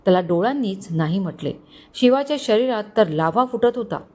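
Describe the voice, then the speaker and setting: A woman storyteller reading a scripted romantic suspense story with even delivery. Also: mid-range voice, fairly quick.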